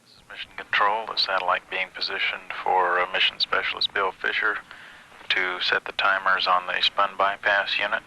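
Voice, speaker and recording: A man's voice: sits low, level tone, normal speed, pushed and bright, rough recording. A man giving mission control commentary over a radio transmission, announcing evenly with the odd filler. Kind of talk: flight status commentary.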